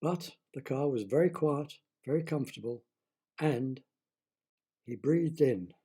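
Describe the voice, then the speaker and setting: A man narrating a story in a lively, dramatic manner. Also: medium pitch, a little slow, slightly rough.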